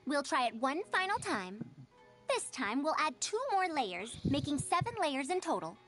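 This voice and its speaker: A woman's voice: sits high, very animated, moderate pace, fairly bright tone, faint music behind. A woman playing a confident, teacherly young female scholar in an anime-style game. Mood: assured, challenging. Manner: teacherly, assured.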